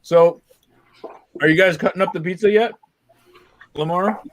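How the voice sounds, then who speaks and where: A man's voice: high voice, measured pace, fairly bright tone. A man hosting a casual chat, talking while he eats. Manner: chatty, talks with his mouth full. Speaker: podcast host.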